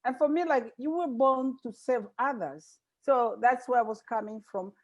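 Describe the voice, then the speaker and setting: A missionary sister from Tanzania reflects earnestly on her life during a casual video call. She speaks at a moderate pace in a fairly high voice.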